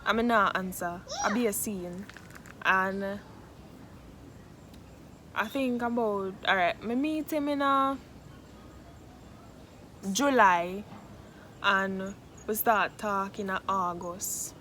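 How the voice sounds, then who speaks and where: A woman's voice: mid-range voice, slow pace, long pauses. A woman with a Jamaican accent telling a casual, gossipy story in Patois, like phone gossip, acting out what was said. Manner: animated retelling with acted-out quotes in Patois. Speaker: storytelling vlogger. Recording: noisy background.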